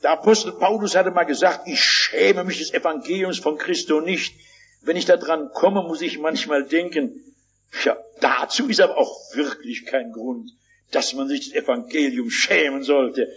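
An older man preaching a sermon, telling stories and slowing down with rising emphasis on key phrases. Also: on the high side, fairly bright tone, muffled recording. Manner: storytelling, acts out voices.

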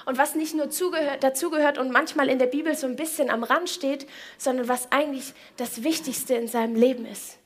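A woman's voice: high voice, steady tone, brisk. A woman giving a casual Bible devotional in colloquial speech, often turning to the listener with direct questions.

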